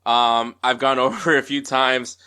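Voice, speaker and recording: A man's voice: medium pitch, fairly even intonation, normal speed, sharp tone, clean tone. A man hosting a sports podcast, talking in an upbeat, chatty way with lots of fillers and restarts. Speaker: podcast host. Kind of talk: casual podcast intro and interview.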